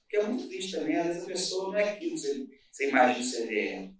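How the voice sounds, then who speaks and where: A restaurant and bakery owner with a Brazilian Portuguese accent races through his story as an interview guest, his voice on the high side and very animated. The conversation is casual, and he's earnest, rambling and constantly restarting. An echoey room and a far-off mic shape the sound.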